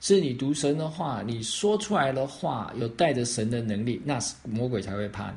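A man's voice: mid-range voice, normal speed, a little mellow. Male pastor fielding questions; explanatory, checks understanding, mid-range voice. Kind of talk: answering questions on faith.

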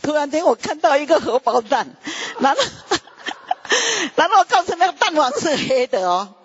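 A man preaching an emotional testimony sermon, his pitch jumping high as he tells it. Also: sing-song, normal speed, fairly bright tone, a little hiss or hum. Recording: dull lo-fi recording.

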